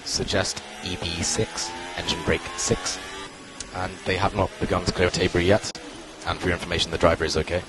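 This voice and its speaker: A man working as a race engineer on team radio, giving calm, clipped spotter-style instructions and repeating key calls. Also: deep voice, brisk. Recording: radio transmission with loud music behind.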